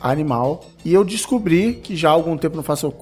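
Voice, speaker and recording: A man's voice: fairly high pitch, lively intonation, fairly quick, faint music behind. A man, chatting enthusiastically as a podcast panelist. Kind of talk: casual chat.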